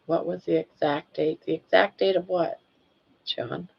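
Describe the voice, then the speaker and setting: Hosting a laid-back livestream, an older woman from Maine reads viewers' comments, rambling and laughing easily. She speaks unhurriedly in a lowish, gravelly, slightly rough voice with fairly even intonation. The audio comes through dull and lo-fi.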